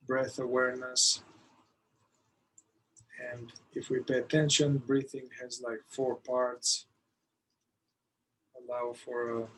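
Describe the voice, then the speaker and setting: This is a man leading guided meditation in a mid-range voice, his gentle, slow instructions broken by long pauses. The recording is low quality, with some faint noise behind him.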